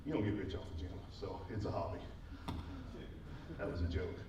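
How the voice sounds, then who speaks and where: A man's voice: deep voice, fairly quick, dull audio. A man in his thirties telling his life story to a live audience in a casual, self-deprecating way with many fillers, a little out of breath. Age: 30s. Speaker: speaker at a business event. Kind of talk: personal testimony talk to a live audience. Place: large event hall with a live audience. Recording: echoey hall, mic far off, crowd noise.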